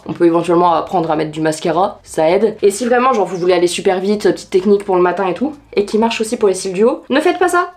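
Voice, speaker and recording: A woman's voice: on the high side, a little mellow. A woman chatting casually in a home beauty vlog, blunt and slangy, poking fun at herself as she tests tips in a hot room. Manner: blunt, slangy and self-mocking. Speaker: beauty vlogger testing tips.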